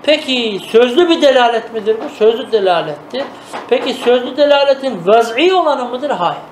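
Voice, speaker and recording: A man with a strikingly high voice gives a traditional madrasa-style lesson. He reads classical Arabic phrases, then unpacks them patiently, asking himself quick rhetorical questions and checking that his students are following. A faint hum of room noise sits under his voice. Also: expressive. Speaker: teacher of classical Arabic grammar and logic.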